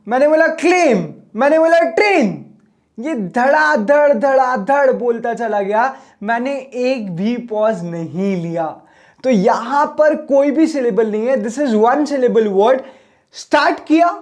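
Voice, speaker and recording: Slow high-voiced male teacher. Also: darkish tone. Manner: friendly, addresses viewers as brothers and friends; drawls example words slowly to show syllables. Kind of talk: recorded online exam-prep lesson.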